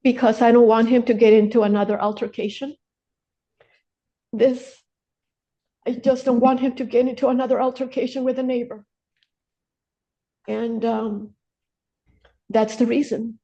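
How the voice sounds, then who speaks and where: A woman's voice: a little high, fairly even intonation, normal speed, long pauses, dark tone, muffled recording. An older woman speaking at a court hearing as the defendant's wife, earnest and repetitive, with stammering restarts.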